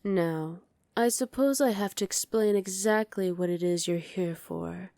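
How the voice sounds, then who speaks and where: Clean studio sound with no room noise carries a woman's warm, mid-range voice with vocal fry at a measured pace. She is roleplaying an evil sorceress queen for ASMR, dominant and coolly imperious, issuing commands with condescension and quiet menace.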